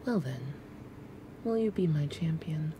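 A woman voicing a sinister drider-like spider goddess, sly and seductive, speaking in a hushed, slow, coaxing menace. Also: deep voice, animated, noisy background.

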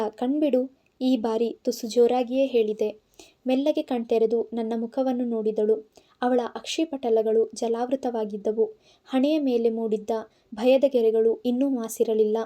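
A woman reading a literary audio story in a measured, scripted narration. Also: fairly high pitch, mellow.

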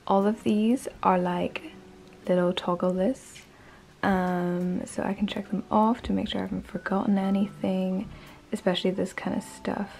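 A woman's voice: medium pitch, flat delivery, normal speed, vocal fry, darkish tone, slight background noise. A young woman, chatting casually to camera in a vlog with plenty of fillers. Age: 20s. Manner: chatty, upbeat, filler-heavy. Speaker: vlogger.

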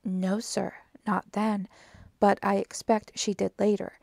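A woman's voice: medium pitch, little pitch movement, takes it slowly, gravelly, a little mellow, dry recording. A woman voicing a nervous, deferential young housemaid who gives polite, hesitant answers in a storybook reading. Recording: dry close audiobook recording.

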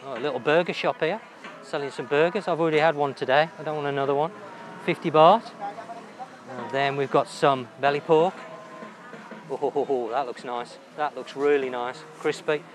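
A man's voice: on the high side, normal speed. A man hosting a walking tour of a night market, chatting enthusiastically and thinking aloud about the food he sees. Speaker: travel vlogger host. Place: busy outdoor night market. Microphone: handheld camera while walking. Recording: loud outdoor market noise.

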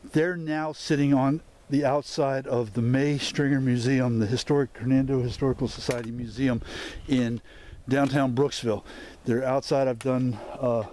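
Pushing through thick, overgrown woods with a handheld camera, an explorer vlogger narrates his walk. His middling, slightly mellow voice rambles with lots of ums and restarts, and a faint outdoor hiss sits beneath it.

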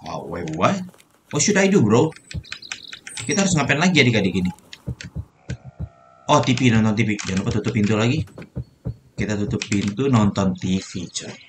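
A man's voice: on the low side, animated, normal speed, pauses often, noisy background. Young male gamer, chatty and profane. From Indonesia. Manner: chatty, swears often, addresses viewers. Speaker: gaming streamer. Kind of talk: casual let's-play commentary.

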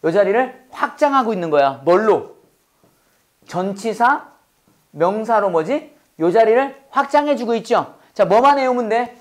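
Here a man teaches Bible English in a high voice and at a measured pace, quizzing students and leading them in repetition drills, all in an upbeat, conversational way with plenty of laughter.

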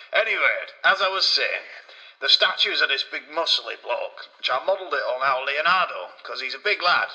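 A man's voice: medium pitch, pushed and bright, poor audio. A man voicing a coarse, boastful male Renaissance sculptor, rambling crudely.

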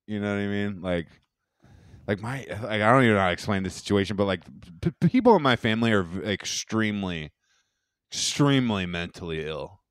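Low, smooth-voiced young man rambling. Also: expressive, brisk, no room sound, studio quality. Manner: rambling, loose and profane, many restarts. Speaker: podcast co-host. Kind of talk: casual chat.

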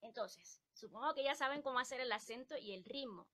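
A woman's voice: high voice, fairly quick, sharp tone. A woman from Ecuador teaching a live-stream music lesson, explaining patiently and singing rhythm syllables to show the beat.

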